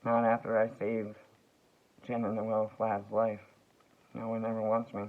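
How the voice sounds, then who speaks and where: Slow, gravelly man, tinny sound. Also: fairly low pitch, monotone. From United States. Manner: slow, meandering, halting with fillers and restarts. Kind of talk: rambling vlog monologue.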